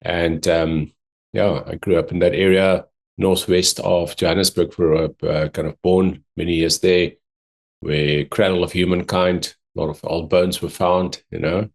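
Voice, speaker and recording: A middle-aged man with a South African accent speaks in a very low, husky voice. He is a podcast guest, talking in a casual, conversational way. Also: level tone, a little slow. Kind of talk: casual chat.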